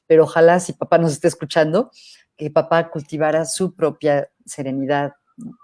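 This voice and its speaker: A middle-aged woman psychologist, answering questions in a thoughtful, measured way with hesitant restarts. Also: sits low, fairly even intonation, warm tone. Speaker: psychologist guest. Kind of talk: live interview answering questions.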